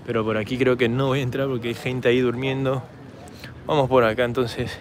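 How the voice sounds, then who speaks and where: A hoarse man with a Peruvian Spanish accent rambles on in a casual walking vlog and speaks to his handheld camera at night. His voice sits at an ordinary mid pitch. Faint city traffic hums in the background. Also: little pitch movement, fairly quick. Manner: chatty, rambling, talks straight to camera while walking. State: hoarse from shouting. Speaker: travel vlogger. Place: city park and streets at night, outdoors.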